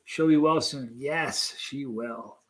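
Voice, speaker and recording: A man in his late fifties, the host of a live stream, chatting casually and reading viewer comments, animated and laughing often. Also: medium pitch, takes it slowly. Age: 50s.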